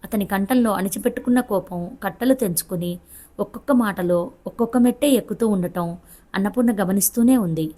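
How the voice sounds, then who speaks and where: A woman narrates a family novel aloud. Her reading is steady and expressive, paced for storytelling. She sounds like a practiced audiobook narrator. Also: medium pitch, brisk.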